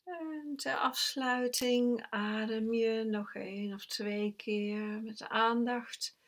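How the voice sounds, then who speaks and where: A woman guides a breathing meditation in a slightly high voice. She speaks extremely slowly and leaves long pauses. Her tone stays soft and calm, and now and then she sinks to a near whisper. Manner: slow, soft, calm instructions, at times sinking to a whisper.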